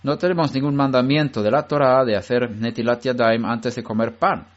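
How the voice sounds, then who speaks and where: A man giving an unscripted religious lesson to a study group, explaining step by step in a measured way and often restarting his sentences. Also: mid-range voice, fairly even intonation. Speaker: Bible study teacher. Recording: dull lo-fi recording.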